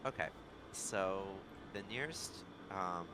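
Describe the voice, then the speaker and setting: A man narrating a tabletop game as game master, calm and descriptive with frequent fillers. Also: low voice, slow, background noise.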